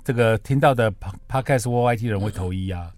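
A man co-hosting a podcast in casual chat, playful and quick to chime in with reactions. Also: on the low side, a little mellow, no echo. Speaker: podcast co-host.

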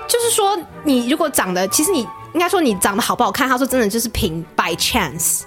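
Young female co-host, bright lively voice, giggly banter over background music. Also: a little high, quick pace. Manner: playful, laughs often, mixes in English words. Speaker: podcast co-host. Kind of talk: casual chat.

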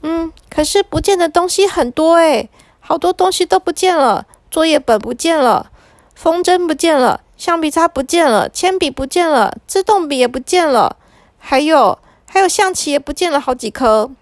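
Woman doing two little girls, high and anxious. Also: expressive, normal speed, dry recording, studio quality. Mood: worried. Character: two frightened little sisters.

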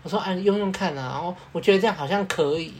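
A man's voice: high-pitched, fast. A man co-hosting a podcast, telling workplace stories in a loose, rambling way full of fillers. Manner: rambling storytelling with fillers and laughs. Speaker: podcast co-host. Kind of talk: casual chat.

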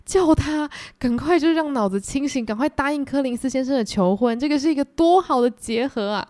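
A woman voicing a fussy, frantic middle-aged mother, talking in a shrill, pleading, high-strung way. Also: expressive, brisk, a little mellow, dry recording.

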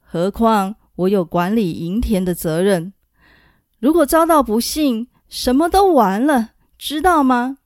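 A woman voicing an older male court minister who calmly gives cautious counsel in a slow storybook telling. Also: on the high side, no room sound, studio quality, lightly acted. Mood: cautioning. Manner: calm, measured counsel.

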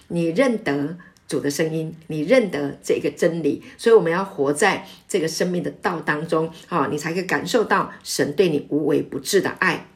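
Woman pastor preaching. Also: sits low. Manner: warm, emphatic preaching with frequent filler sounds. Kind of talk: sermon.

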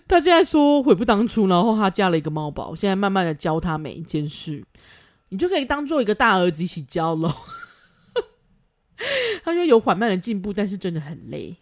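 A woman's voice: mid-range voice, very animated, fairly quick. A woman podcast host, giving blunt casual advice, swearing freely and laughing often.

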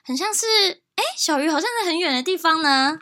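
A woman's voice: extremely high pitch, fairly quick, sharp tone. A woman co-hosting a podcast in casual, exasperated chat, with muffled audio re-recorded from a phone. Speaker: podcast co-host.

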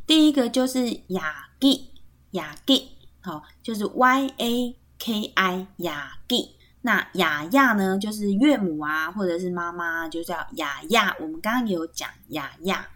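A woman with a Taiwanese Mandarin accent teaches on a podcast in an unhurried, measured way. She spells each word out letter by letter and keeps checking in with her listeners. Her voice sits at an ordinary pitch for a woman. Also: fairly bright tone. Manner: spells words out letter by letter, patient and explanatory; frequent tag particles seeking agreement. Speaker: podcast host teaching Atayal kinship terms. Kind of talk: podcast language lesson.

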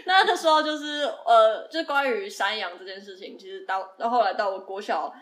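A woman, hosting a casual podcast and telling a childhood story in animated bursts, laughing often between her fillers. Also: mid-range voice, brisk. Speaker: podcast host.

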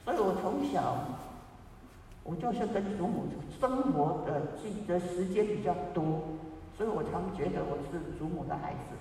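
A man with a Taiwanese Mandarin accent tells a personal story, halting and repeating words as he is deeply moved. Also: animated, dark tone. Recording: echoey distant room with faint background noise.

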